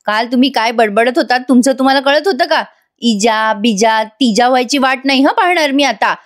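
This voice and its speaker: A woman's voice: a little high, normal speed, lightly acted. A woman voicing a stern, commanding woman who scolds in short, curt lines. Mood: scolding.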